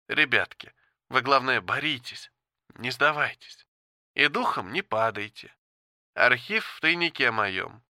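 A man voicing a dying old woman pilot who speaks calmly in a gentle, folksy, resigned way, in an audiobook. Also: medium pitch, clear, resonant tone, no room sound, clean studio sound, full character voice. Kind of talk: audiobook character voice.

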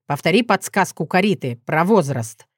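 A woman's voice: lowish voice, animated, normal speed, no room sound, clean studio sound. Woman doing a sneering dragon lord. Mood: sardonic. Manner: ironic, sneering drawl. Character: haughty dragon lord, adult man, sardonic.

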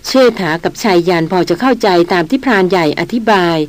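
A woman narrating an adventure novel as an audiobook in an even storytelling manner. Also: mid-range voice, fairly quick.

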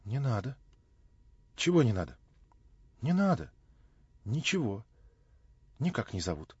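A man's voice: mid-range voice, normal speed, slightly rough, no room sound, close to an everyday voice. A man voicing a sullen, frightened poor young girl in an audiobook, speaking curtly and guardedly. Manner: curt, whispery, guarded. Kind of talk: audiobook reading. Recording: dull lo-fi dry recording.

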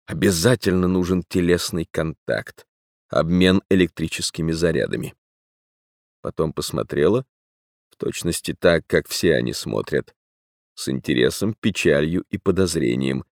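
A man narrating a literary audiobook in a measured, deadpan way. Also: rumbling low, no room sound, studio quality.

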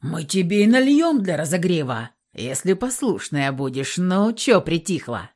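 A coarse, jeering male thug guard, as a woman reader puts him on, barking insults and swearing. The voice sits low and loud, full of lively swings. It comes from an audiobook. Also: unhurried. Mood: mocking crude. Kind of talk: audiobook reading.

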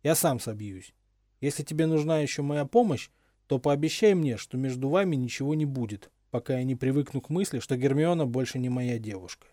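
An anxious, jealous young friend, as a male reader puts him on for a fan-made audiobook, insistent and agitated. The voice stays dark and mellow, close and dry with no room around it. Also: mid-range voice, a little fast, dry recording, lightly acted. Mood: tense.

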